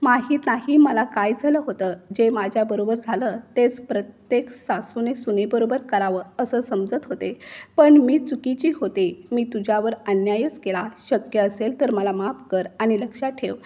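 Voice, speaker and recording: A woman voicing a wronged middle-aged mother-in-law who has turned defiant, speaking slowly and with emphasis. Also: fairly high pitch, a little mellow, lightly acted. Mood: earnest. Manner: slow, emphatic dramatic delivery.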